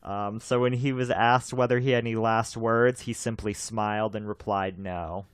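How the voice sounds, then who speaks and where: A young man in his twenties hosts a podcast in loose, rambling chat, often repeating himself and breaking into laughs. His lowish voice is smooth and resonant. The sound is dry and close, with no room echo. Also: little pitch movement, moderate pace. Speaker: podcast host. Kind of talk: casual chat.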